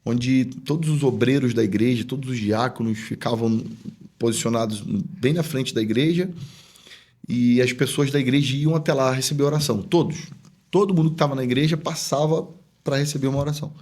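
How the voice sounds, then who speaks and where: A man's voice: medium pitch, brisk, darkish tone. A man who is a pastor and business owner, telling a personal story as a podcast guest in a chatty, earnest way and acting out remembered dialogue. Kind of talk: casual storytelling in a podcast interview.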